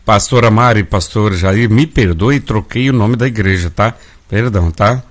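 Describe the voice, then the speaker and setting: A Brazilian radio host speaks at a normal speed in a fairly low voice, with a Brazilian Portuguese accent. He presents a live gospel show in a folksy manner, calling the people listening family.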